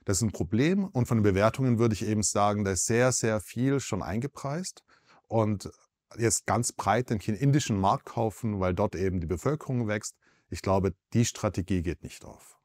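A man in his forties, a foreign correspondent, answering interview questions in a measured, explanatory way with small self-corrections, in a TV studio. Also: on the low side, a little mellow.

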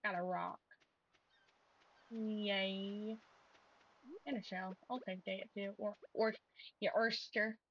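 A woman's voice: mid-range voice, fairly even intonation, slow, pauses often, muffled recording. A young woman streamer giving casual, chatty, self-deprecating commentary while she plays a game, with frequent exclamations.

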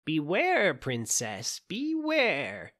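A man voicing a croaking, scheming old witch in an audiobook fairy tale, giving sly warnings. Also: lowish voice, huge pitch swings, takes it slowly, fairly bright tone, exaggerated voice. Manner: warning, coaxing.

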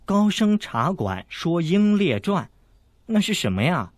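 A man's voice: high-pitched, sing-song, unhurried, dry recording, studio quality, voice pushed up. A man voicing a naive, innocent young noble girl who speaks earnestly, in a raised voice.

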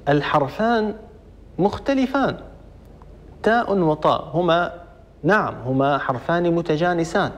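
A man teaching Quran recitation rules, slowly repeating examples and restarting often. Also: on the high side, gravelly. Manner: slow repetition of examples, many restarts. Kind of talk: explaining tajweed rules. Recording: dull lo-fi recording.

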